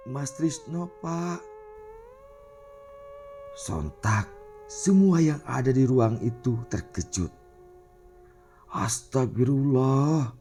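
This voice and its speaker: A man narrating a dark village story with deep, mellow tones and a lively, rising-and-falling delivery. Faint music plays softly beneath his voice. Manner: expressive, dramatic. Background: faint background music.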